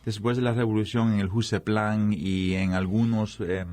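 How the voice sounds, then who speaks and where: A Cuban-born man in his forties, a guest answering interview questions thoughtfully, with frequent pauses and restarts. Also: on the low side, level tone, a little mellow. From Cuba. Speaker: guest, academic.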